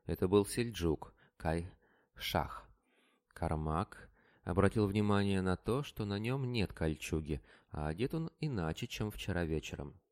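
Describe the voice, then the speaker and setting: A man narrating an adventure audiobook in a steady, dramatic storytelling manner. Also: low voice.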